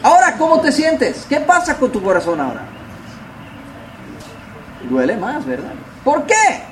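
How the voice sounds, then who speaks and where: A man preaching a sermon, asking rhetorical questions and swinging between loud and soft delivery. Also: very high voice, huge pitch swings, a little slow, slight background noise, poor audio. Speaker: pastor.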